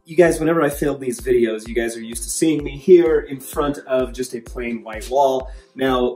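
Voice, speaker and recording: A man's voice: medium pitch, a little mellow. A man in his thirties, a physical therapist hosting a casual home-renovation vlog, talking upbeat and enthusiastic to his viewers from an unfinished basement on a handheld camera. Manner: upbeat and enthusiastic, keeps addressing the viewers as "you guys". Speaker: physical therapist and fitness channel host. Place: unfinished basement under construction, indoors. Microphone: camera mic, often handheld at arm's length. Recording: echoey bare room with faint background music.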